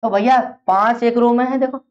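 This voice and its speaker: A woman's voice: fairly high pitch, steady tone, moderate pace, darkish tone. A woman teacher giving a classroom lecture, explaining step by step and drilling her students with repeated questions. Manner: explains step by step, checks understanding often. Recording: dull lo-fi classroom recording.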